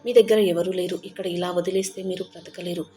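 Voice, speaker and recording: A woman voicing a kindly middle-aged male airport officer, gentle and firm in a Telugu audio story. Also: lowish voice, fairly even intonation, brisk, faint music behind, natural voice. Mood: concerned.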